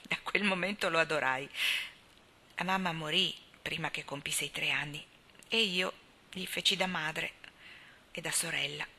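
A woman's voice: sits low, steady tone, moderate pace, pauses often, sharp tone, heavily acted. A woman reading the part of a talkative, gossipy older spinster in an audiobook, in an emphatic, chatty manner. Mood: wistful. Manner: chatty, emphatic, sighing storyteller.

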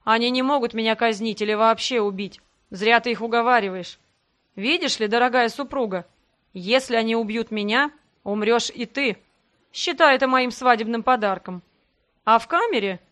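Creaky smug villain guy, gloating and mocking, read by a woman. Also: fairly high pitch, moderate pace, fairly bright tone, natural voice. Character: smug cruel male villain mage.

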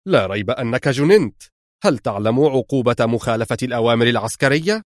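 A man's voice: mid-range voice, sing-song, fast talker, no room sound, clean studio sound, natural voice. A man reading an audiobook, voicing a proud, short-tempered army lieutenant colonel who demands answers. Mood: angry. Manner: demanding, indignant.

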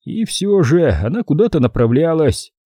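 A man voicing a gruff, grumbling male navy admiral in an audiobook. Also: on the high side, very animated, normal speed, warm tone, no room sound, studio quality, voice pushed up. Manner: grumbling, agitated.

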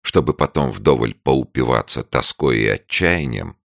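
A man with a very deep, gravelly voice reads a novel aloud. His delivery swings with lively, expressive intonation. The sound is dry and close to the mic. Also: a little slow, dry recording. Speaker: audiobook narrator. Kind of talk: scripted narration.

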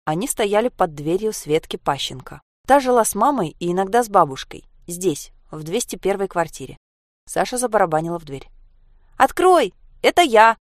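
Woman narrator, lower voice, dry close read of a story. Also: animated, brisk, darkish tone, no echo. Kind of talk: audiobook story reading.

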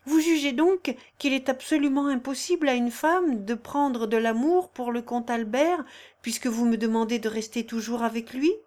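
A woman's voice: fairly high pitch, moderate pace, darkish tone, natural voice. A woman reading the part of a proud young singer who speaks earnestly and with passion in a storybook. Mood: impassioned.

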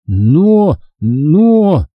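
A man's voice: a little high, sing-song, very slow, no room sound, phone-quality sound, voice pushed up, full character voice. A man voicing a frightened, pleading boy in an audiobook. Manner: raised, pleading, anxious. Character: frightened boy, the first-person hero. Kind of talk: audiobook character reading.

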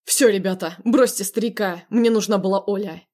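A possessive young man who barks orders and claims others as his own, as a woman reads him in a storybook. Loud and menacing, he talks like someone used to being obeyed. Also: medium pitch, fairly quick, natural voice. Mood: domineering.

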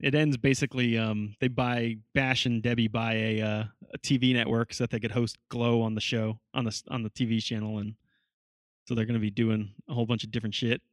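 A man's voice: mid-range voice, level tone, fairly quick, dry recording, clean studio sound. A man in casual chat about a TV show, loose and chatty with lots of swearing.

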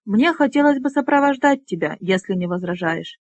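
A woman voicing a polite, diplomatic young male dragonrider who speaks in a measured way. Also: medium pitch, animated, a little mellow, no echo.

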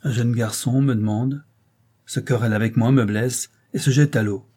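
A man's voice: mid-range voice, steady tone, normal speed, warm tone, husky, close to an everyday voice. A man reading the part of a distraught young engineer, speaking in a pained, shaken way. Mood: pleading.

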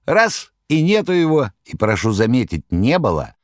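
A man's voice: mid-range voice, wildly swooping pitch, normal speed, dry recording, studio quality, pitched above the performer's own voice. A man voicing a jaunty, mocking male demon trickster in an audiobook. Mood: mocking glee. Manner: jaunty, sly and showy. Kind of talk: audiobook reading.

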